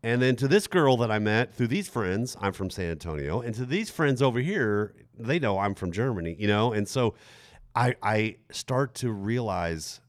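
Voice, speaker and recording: Deep-voiced man telling a story. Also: moderate pace, dry recording. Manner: animated, self-deprecating storyteller. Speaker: podcast host. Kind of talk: storytelling chat.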